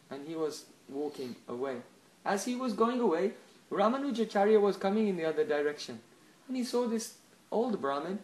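A man with a high-pitched voice tells a devotional story as a spiritual teacher. He talks in an animated way and checks in with listeners with a quick "huh?" between story beats. His voice echoes around the room.

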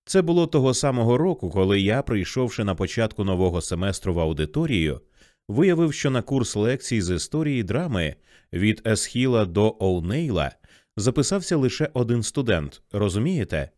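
A weary old scholar lectures with bitter regret, as a man reads him in an audiobook. The voice is low and swings widely in pitch, recorded dry and close. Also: big pitch swings, moderate pace, a little mellow, dry recording. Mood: reflective. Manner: lecturing, rueful.

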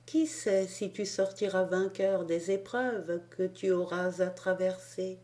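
A gentle, all-powerful heavenly lord speaks softly and solemnly, read by a woman. His lines come slowly in a mellow, dark tone. He sounds calm and certain. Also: on the low side.

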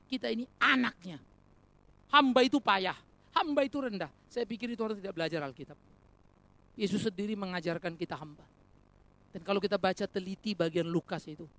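A man preaching a sermon as pastor, animated and colloquial, with rhetorical questions, humorous asides and direct address to the congregation. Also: sits high.

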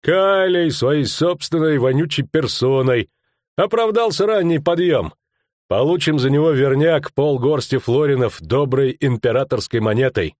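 A man's voice: medium pitch, measured pace, darkish tone, dry recording, studio quality, voice pushed up, natural voice. A man voicing a fat, jeering mercenary with a gloating manner.

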